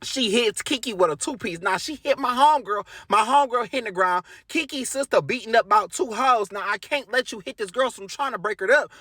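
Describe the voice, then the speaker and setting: A man's voice: sits high, pushed and bright, no room sound, clean studio sound. A young man, telling a profane, comic storytime from his parked car. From Detroit, USA. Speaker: vlogger, storyteller. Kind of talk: casual storytime vlog.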